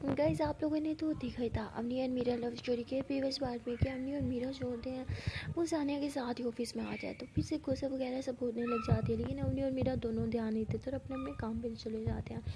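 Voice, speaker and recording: A woman's voice: high-pitched, fairly even intonation, fast talker, very noisy. A woman narrating a love story to her viewers in a chatty, direct way.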